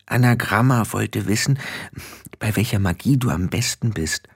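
A man reading an audiobook, voicing a soft-spoken, kind young witch girl. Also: mid-range voice, moderate pace, no echo, studio quality, pitched above the performer's own voice, natural voice. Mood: meek. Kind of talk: audiobook character voice.

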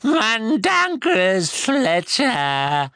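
Croaking old house-elf, bullfrog voice, high and strained, slow bitter muttering, storybook. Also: male voice, huge pitch swings, sharp tone, no echo, exaggerated voice. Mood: anguished. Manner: mutters bitterly, bowing low.

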